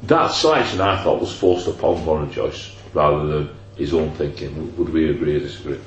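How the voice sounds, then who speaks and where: With a bit of a cold, a man with a bass voice hosts a casual football podcast, talking a little fast as he rambles, jokes and trails off with fillers. The lo-fi recording has strong room echo and faint noise.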